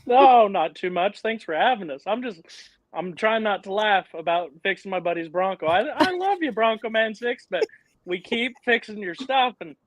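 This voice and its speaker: A man's voice: high-pitched, lively intonation, moderate pace, no room sound, low-quality recording. A man in his thirties, a guest on a live show, talking about his off-road trips in an upbeat way and laughing easily. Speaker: guest, off-road channel owner. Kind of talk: casual interview chat.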